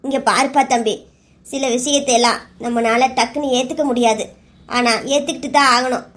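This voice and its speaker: Woman playing a weary, tender mother, high-voiced. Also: steady tone, moderate pace, natural voice. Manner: soothing, tearful. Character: worried middle-aged mother, tender and weary. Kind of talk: cartoon serial dubbing.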